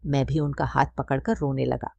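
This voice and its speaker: Husky, gravelly woman narrating. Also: a bass voice, steady tone, normal speed, a little mellow, no echo, muffled recording. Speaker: storyteller. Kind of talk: scripted first-person story narration.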